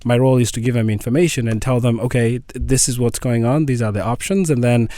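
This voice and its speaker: A man speaks as a radio guest in a close, dry studio sound. His voice sits at a middle pitch, and he explains things in an earnest, patient way. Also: fairly even intonation, fast, warm tone, dry recording. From Kenya. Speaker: guest, family nurse practitioner. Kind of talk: radio interview.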